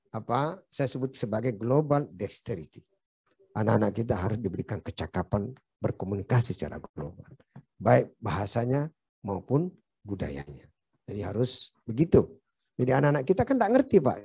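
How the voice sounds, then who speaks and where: A man's voice: medium pitch, creaky, darkish tone, breathy edge, dry recording, studio quality. A man giving a seminar lecture in a hotel meeting room. He talks in a chatty, joking way and keeps turning to the audience with "Pak". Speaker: seminar speaker.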